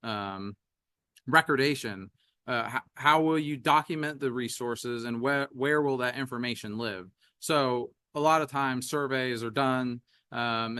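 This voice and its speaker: A man presents at a community workshop, his tone bright and forceful. He pauses often with ums and uhs. The sound is dry and close. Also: medium pitch, clear, resonant tone, dry recording. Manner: hesitant, many fillers. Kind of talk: presentation talk. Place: meeting room.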